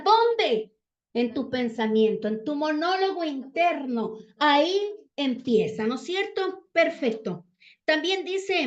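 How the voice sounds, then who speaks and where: A woman giving a Bible teaching talk, constantly checking in with the listeners through rhetorical questions. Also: high-pitched. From Ecuador. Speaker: church teacher. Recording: dull lo-fi sound.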